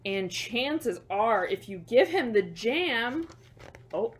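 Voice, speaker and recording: Reading a picture book to kids, this storyteller speaks slowly in a slightly high voice. Her delivery is expressive, sprinkled with simple, chatty remarks aimed at the young audience.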